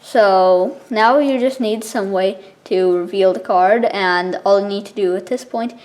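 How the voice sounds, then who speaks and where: A woman explaining something step by step in a casual, informal tutorial style, with halting pauses between steps. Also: medium pitch, darkish tone. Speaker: card trick tutorial presenter.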